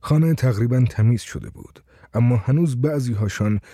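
A man's voice: mid-range voice, mellow, no room sound, studio quality. A man reading a story aloud as narrator, telling it expressively.

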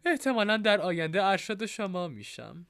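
A man voicing a cheeky young male student who plays innocent, in a high, whiny voice. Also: big pitch swings, gravelly, a bit bright, smooth, dry recording, clean studio sound, heavily acted. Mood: mocking.

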